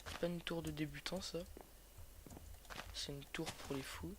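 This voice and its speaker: A man's voice: on the high side, little pitch movement, measured pace. A young man giving casual, slangy gameplay commentary, hesitant and sweary, his voice sick from a sore, swollen throat. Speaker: gaming video host. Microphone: cheap computer microphone. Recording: noisy cheap microphone with clicks.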